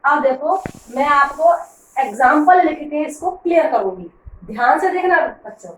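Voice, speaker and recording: A woman's voice: high voice, lively intonation, normal speed, roomy sound, recorded from a distance, a little hiss or hum, low-quality recording. A woman teacher explaining grammar to pupils, patiently asking questions and answering them herself. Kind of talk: classroom grammar lesson.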